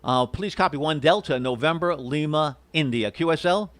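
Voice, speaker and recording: A man's voice: a little high, normal speed, a bit bright, no echo. A courteous, hesitant man operating an amateur radio station, spelling out call signs in phonetics.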